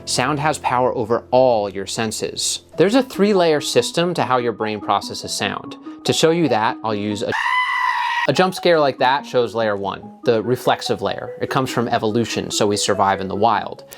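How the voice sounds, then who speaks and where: A man's voice: mid-range voice, lively intonation, moderate pace, few pauses, music in the background. A man hosting a design video, giving scripted narration with an explanatory, punchy delivery.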